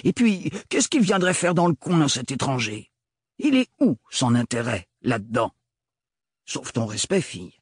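A man's voice: medium pitch, sing-song, unhurried, slightly rough, dry recording, clean studio sound. A man reading aloud, voicing a grumpy old great-uncle who scolds in indignant outbursts in a storybook. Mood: grumbling.

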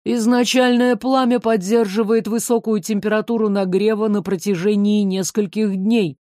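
A woman narrating a fantasy audiobook in an expressive, steady reading voice. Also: mid-range voice, normal speed, dry recording, clean studio sound.

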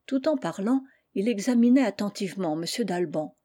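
A woman reading a classic children's novel aloud in a measured audiobook narration. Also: mid-range voice, lively intonation, mellow. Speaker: reader.

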